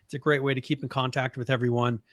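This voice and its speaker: A man from the American Northwest co-hosting a podcast in casual chat, talking in a relaxed, rambling way with lots of fillers. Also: mid-range voice, fast, dry recording. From Boise, Idaho area of the US. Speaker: podcast co-host.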